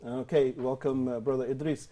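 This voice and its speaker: A man hosting a live studio talk show, posing clear, emphatic questions to his guests. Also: mid-range voice, level tone, moderate pace, warm tone. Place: television studio.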